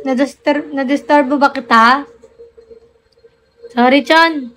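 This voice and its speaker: Woman livestreamer, high voice, slow unhurried talk, cooing and teasing a pet. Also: steady tone, fairly bright tone, slight background noise, low-quality recording. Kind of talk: casual livestream chat.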